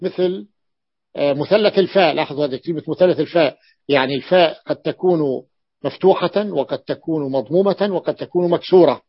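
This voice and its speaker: Teacher, male, husky, slightly high voice, patient repetitive explaining, dry lo-fi recording. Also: no echo. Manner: explains slowly, repeating words and patterns. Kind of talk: classroom grammar lesson.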